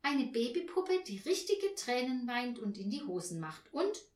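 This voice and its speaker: A woman voicing an eager little girl who talks in a high, pleading, excited way. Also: a little slow. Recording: roomy echo.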